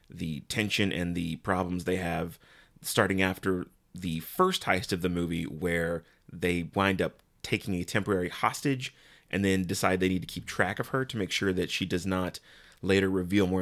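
A man's voice: low voice, a bit bright. A young man hosting a podcast, giving an easygoing plot recap in casual chat and saying "like" a lot. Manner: easygoing, explains plots, uses "like" often. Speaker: podcast host.

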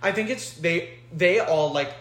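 Young woman podcast co-host, New York accent, lowish voice, filler-heavy chatter, roomy echo. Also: measured pace. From New Orleans. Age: young adult. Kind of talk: casual chat. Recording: roomy echoey room.

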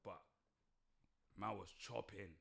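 A man's voice: fairly low pitch, fairly even intonation, takes it slowly, vocal fry, a bit bright, breathy edge. A man with a London roadman accent, full of street slang, bantering and telling stories emphatically. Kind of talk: casual banter and storytelling.

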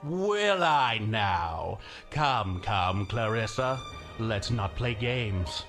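An actor playing a smug, menacing killer gingerbread cookie man in a film clip, taunting in a slow, suave way. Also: on the low side, expressive, a bit bright, exaggerated voice. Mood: smug mocking. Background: film score music.

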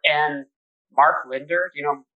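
A man's voice: fairly high pitch, fairly even intonation, a little slow, narrow, tinny audio. A middle-aged man, a guest architect, telling casual stories with many restarts and fillers. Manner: rambling, full of restarts and "like". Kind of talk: casual storytelling conversation.

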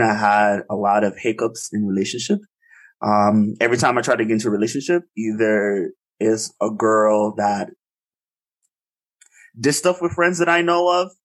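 A young man on a podcast with a somewhat low voice. He rambles through his thoughts in a casual chat, hesitating and restarting often. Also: moderate pace. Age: young adult. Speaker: podcast co-host.

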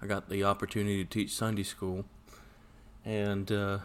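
A man's voice: on the low side, completely flat delivery, normal speed, fairly bright tone, clear, resonant tone. A man co-hosting a podcast in casual conversation, recorded in an echoey church sanctuary. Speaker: podcast co-host. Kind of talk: casual chat.

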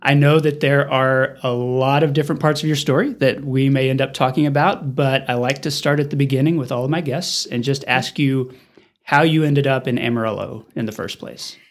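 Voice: medium pitch, fairly even intonation, a little fast. Curious podcast host asking questions. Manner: curious, asks follow-up questions. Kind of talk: conversational interview.

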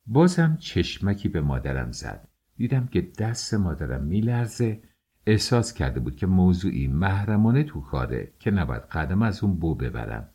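A man narrating a novel aloud in an expressive storytelling manner. His voice is very low, dark and husky. His pitch moves a lot as he reads. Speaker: audiobook reader. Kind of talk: audiobook narration.

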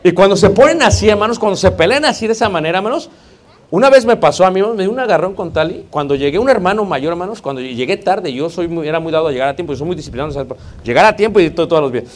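A man's voice: sits high, lively intonation, very fast. A man with a Mexican Spanish accent preaching a sermon in a conversational, joking way, often calling out to the congregation. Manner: conversational, joking, keeps addressing the congregation as brothers.

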